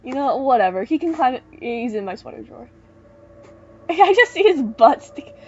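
A woman's voice: high voice, very animated, normal speed, a little mellow, lo-fi sound, a little hiss or hum. A young woman hosting a let's play, chatting casually and exclaiming in alarm at the game. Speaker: let's play host, player. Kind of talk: casual gaming commentary.

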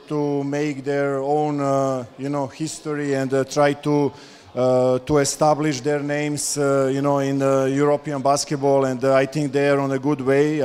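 A man's voice: mid-range voice, darkish tone, smooth. A visiting basketball coach, a man, answering postgame questions on stage, with many fillers and restarts. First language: Serbian. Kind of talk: postgame press talk. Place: stage in a large dark hall. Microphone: handheld mic. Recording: long hall reverb.

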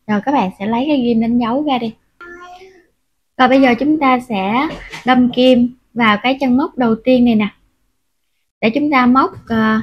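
On dull, muffled lo-fi audio, a crochet instructor teaches step by step in a higher voice with a breathy edge. She counts her stitches out loud patiently, with frequent filler sounds along the way.

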